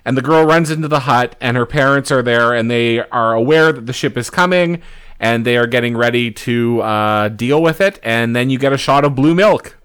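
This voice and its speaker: Smooth-voiced man casually recapping a film. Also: medium pitch, normal speed, a bit bright. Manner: laid-back recapping with fillers and casual swearing. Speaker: podcast co-host. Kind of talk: casual movie review chat.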